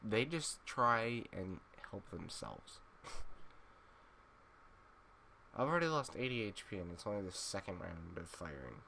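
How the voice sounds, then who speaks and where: A drowsy man with a deep, low voice talks through a game in an unhurried, slow drawl. His commentary is wry and casual, full of mumbled asides, and he sounds sleepy, as if he has just woken up. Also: sing-song, creaky, pushed and bright, a little hiss or hum. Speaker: gaming YouTuber.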